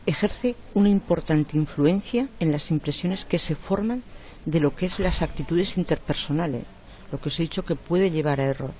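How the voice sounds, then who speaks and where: A woman teaches an online class. Her voice is strong and forceful. She explains each point patiently and checks in with short tag questions along the way. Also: low-pitched, a little hiss or hum. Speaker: lecturer. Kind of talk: online lecture.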